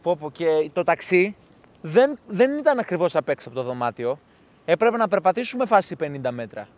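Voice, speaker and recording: A man's voice: sits high, very animated. A young man chatting casually to viewers in a travel vlog, joking and talking straight to his audience outdoors. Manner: jokey, addresses viewers directly. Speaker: vlogger. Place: outdoors in the cold.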